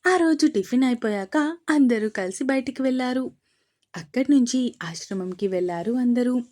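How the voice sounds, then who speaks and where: A woman reads a serialized audio story in a steady, even narration. Her voice sits slightly high and keeps an unhurried flow.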